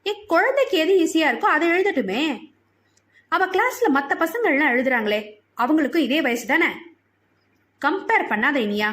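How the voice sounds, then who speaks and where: An easygoing young father in a storybook reading, coaxing and reasoning in a soft, fairly high voice, as a woman narrator puts him on. He keeps a patient, gentle tone. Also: very animated, normal speed, long pauses. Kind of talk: audiobook character voice.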